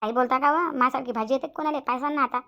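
A woman voicing cartoon characters in a fast, chatty, complaining way. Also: high-pitched, bright, forceful tone. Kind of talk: Marathi cartoon voice acting.

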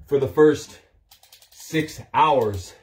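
A man's voice: on the high side, very slow. A man, a personal trainer, chatting casually to a livestream while doing push-ups, tired from long physical exertion. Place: small carpeted home office, indoors. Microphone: phone on a stand a step or two away.

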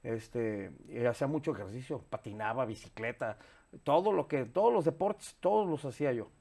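A man in his fifties with a Mexican accent, talking candidly as an interview guest, animated and swearing freely, recorded on a lapel mic in a studio. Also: medium pitch, moderate pace, gravelly. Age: 50s. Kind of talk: casual interview chat. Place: studio set with sofa.

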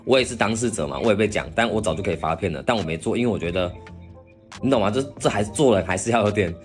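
A man's voice: lowish voice, animated, very fast, soft background music. A man leading a casual discussion on a group voice call.

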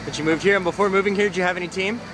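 A man holding a phone camera asks fans quick, upbeat questions on an outdoor plaza at night. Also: high voice, fairly even intonation, background noise. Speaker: street interviewer. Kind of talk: man-on-the-street interview. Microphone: handheld phone camera. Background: loud music playing.

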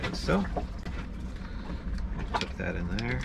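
A man in his thirties talking casually to the camera as a sailing vlogger, relaxed and chatty with small laughs, recorded aboard a small boat. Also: on the low side, slow pace, creaky, heavy background noise. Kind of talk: casual vlog narration. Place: small boat cabin and deck.

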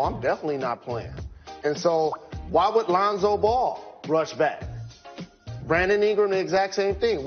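A man giving studio sports analysis in a measured, explanatory way. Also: on the high side. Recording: dull broadcast audio with music.

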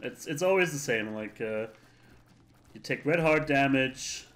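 A man's voice: mid-range voice, expressive, measured pace, a bit bright. Laid-back man doing game commentary. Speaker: let's player. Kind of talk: live gameplay commentary.

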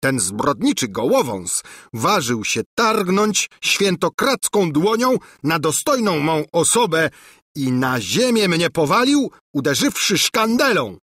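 A man's voice: on the high side, a bit bright, slightly rough, no room sound, clean studio sound, pitched above the performer's own voice, full character voice. A man voicing a furious, vain old king who shrieks his orders.

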